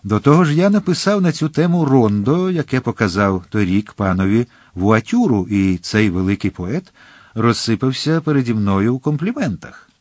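A courteous, subtly vain young man set on the priesthood, as a man voices him. He argues politely with an edge of irritation. The voice is lively in pitch and the recording dry. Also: normal speed, no echo, lightly acted. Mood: polite earnest.

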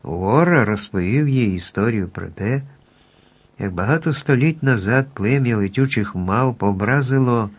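A man calmly narrating a children's storybook at an even pace. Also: fairly low pitch.

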